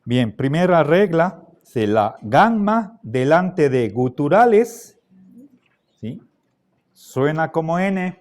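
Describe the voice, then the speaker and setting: A middle-aged man gives a classroom lecture, his voice sitting a little high. He talks very slowly and patiently. He keeps pausing to check that the students are following. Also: very animated, darkish tone. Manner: slow, patient, checks in with frequent "¿sí?" and "¿ya?". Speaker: philosophy teacher.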